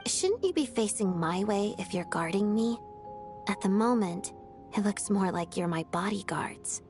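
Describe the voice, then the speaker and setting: A woman's voice: mid-range voice, expressive, unhurried, darkish tone, faint music behind, lightly acted. A woman playing a sweet, guileless little girl in a video game, with an artless, childlike way of talking. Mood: teasing. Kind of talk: animated game voice acting.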